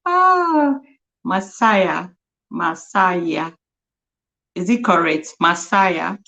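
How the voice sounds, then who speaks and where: A young Nigerian woman whose first language is Igbo hosts a casual livestream chat, speaking with a Nigerian accent in a lowish, gravelly, pushed and bright voice. She is animated but very slow, laughing often and repeating words as she sounds them out.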